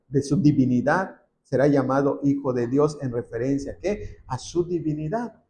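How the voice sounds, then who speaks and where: A man's voice: on the high side, warm tone. A man preaching a sermon, reading scripture aloud with rising emphasis and posing rhetorical questions that he answers himself. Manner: asks and answers his own rhetorical questions.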